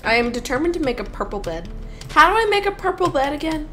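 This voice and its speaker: A woman's voice: sits high, sing-song, fast, bright, forceful tone, faint music behind. A woman streaming a video game, chatting casually with a friend and joking around with silly wordplay. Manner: playful, giggly, silly wordplay. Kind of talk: casual gaming chat.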